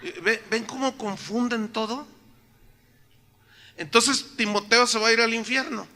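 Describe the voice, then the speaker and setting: A man's voice: extremely high pitch, unhurried, pushed and bright. A man preaching a sermon to a church congregation, joking with them and tossing out rhetorical questions. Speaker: pastor.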